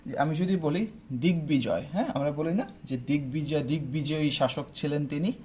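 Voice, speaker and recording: Young guy teaching a pronunciation class, slightly high voice, goes slow and keeps asking if you got it. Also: darkish tone, a little hiss or hum. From Bangladesh. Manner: explains step by step, often asking "ঠিক আছে?". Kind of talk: online admission-test pronunciation lesson.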